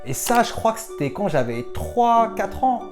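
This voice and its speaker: A man's voice: sits high, sing-song, normal speed. A young man from France answering viewer questions in a casual, self-mocking vlog, switching between languages. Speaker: vlogger. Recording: music playing underneath.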